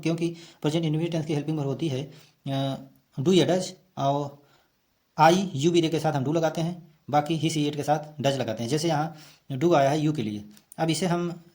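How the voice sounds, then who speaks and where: A man's voice: a little high, a little mellow. Hindi-speaking man teaching English grammar. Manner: explains slowly, repeats each phrase, reads English lines aloud then translates. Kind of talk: bilingual grammar lesson.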